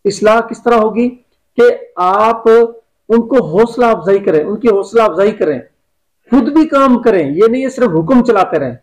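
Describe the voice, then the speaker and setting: High-voiced man coaching with advice. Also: animated, moderate pace, poor audio. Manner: instructive, repeats key phrases. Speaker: business coach guest. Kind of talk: motivational advice in an interview.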